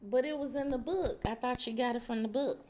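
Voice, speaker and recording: A granddaughter records a casual family conversation with her grandmother, explaining things and quoting what others have said. Her voice is a little high and a little fast, with a darkish tone. A little hiss or hum can be heard.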